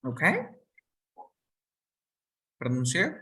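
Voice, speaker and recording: A teacher leads a basic English lesson, speaking very slowly and repeating each word for students to copy. The voice sits a little back from the microphone. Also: mid-range voice, very animated, a bit bright, distant mic.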